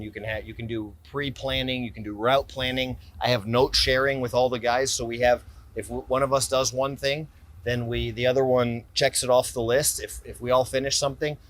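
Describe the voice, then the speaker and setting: With a mid-range voice, a gear company owner who vlogs, an American man in his forties, talks loosely about his everyday carry while sitting on a stone ledge in a city park. He meanders, interrupts himself and starts over, clearly excited about the gear. Filming uses a camera on a tripod several feet away along with handheld close-ups.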